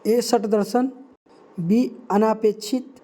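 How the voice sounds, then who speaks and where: A young man tutoring for an exam, reading out answer options slowly and repeating key words for emphasis. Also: sits high, steady tone, mellow. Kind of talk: quiz-style teaching.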